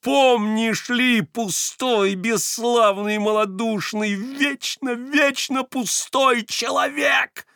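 A man's voice: a little high, moderate pace, few pauses, fairly bright tone, dry recording, studio quality, voice pushed up, lightly acted. A man voicing an imperious, hot-tempered middle-aged noblewoman in an audiobook reading, commanding and scolding. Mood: furious. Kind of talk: audiobook character voice.

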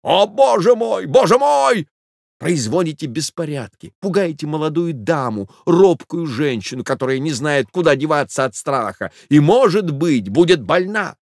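Male reader as a sneering young man giving a lecture, animated. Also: fairly high pitch, moderate pace, hardly any pauses, dry recording, clean studio sound. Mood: scolding. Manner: scolding, mocking.

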